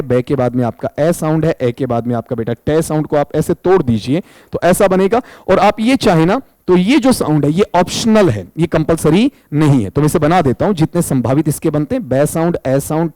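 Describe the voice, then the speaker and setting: A man's voice: on the high side, mellow, dry recording, poor audio. A male exam-prep teacher, walking students through answers and breaking words into single sounds. He speaks close to the mic in a dry, dead room. His tone stays patient and explanatory. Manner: addresses students as "beta", spells sounds out one by one.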